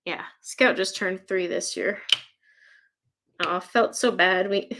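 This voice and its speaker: A woman's voice: medium pitch, slow pace, fairly bright tone. Chatty woman rambling with frequent laughs. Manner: many fillers like "like" and "um". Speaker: livestream host. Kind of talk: casual chat while crafting.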